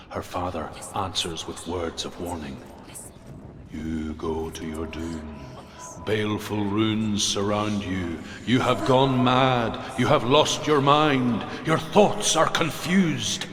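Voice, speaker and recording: Grave old-legend storyteller for a video game, really slow and dramatic, big long reverb, noisy ambience behind. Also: male voice, low voice. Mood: ominous, warning. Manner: measured, ominous, dramatic. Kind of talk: solemn storytelling. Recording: long reverb, clear background ambient noise.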